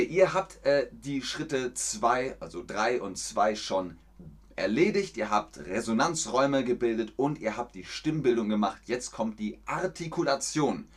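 Male livestream teacher, husky voice, precise and emphatic stage German articulation. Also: medium pitch. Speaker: host teaching a livestream language lesson. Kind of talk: live lesson, talking with chat.

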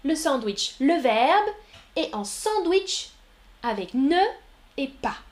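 A woman's voice: sits high, very animated. A woman from France teaching French in a live online lesson, repeating words one by one and replying to viewers' chat. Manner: slow, deliberate, repeats single words for learners; reads and answers viewers' chat messages.

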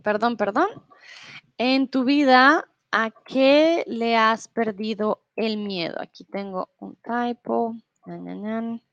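A woman's voice: fairly high pitch, slow pace, fairly bright tone, lo-fi sound. A young woman teaching Spanish in a live online lesson, reading out viewer comments and explaining things in a friendly, patient way, sometimes in English.

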